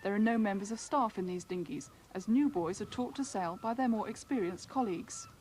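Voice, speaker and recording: A British woman, a documentary reporter and narrator, reads scripted narration for a television news film. Her medium-pitched voice is fairly quick and a little mellow. The voice-over carries clear background noise.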